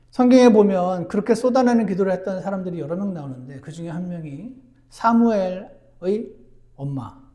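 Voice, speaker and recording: A man preaching a sermon as pastor, earnest, moving between emphatic lines and hushed ones. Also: a little high. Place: church.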